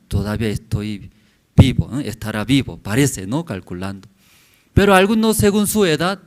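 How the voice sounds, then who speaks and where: A male pastor in his forties preaches to his church congregation at a deliberate, slow pace. His pitch swings widely as he builds his points in brief, simple phrases. He often pauses to ask the listeners a quick "mm?". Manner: halting simple phrasing with frequent questioning "mm?" tags to the congregation. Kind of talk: sermon.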